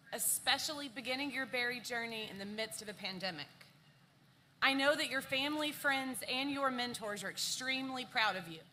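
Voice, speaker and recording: A woman delivers a formal commencement address from a podium microphone at an outdoor ceremony. Her voice is bright and a little high for a woman, with a faint hiss of noise underneath. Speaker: alumni association president.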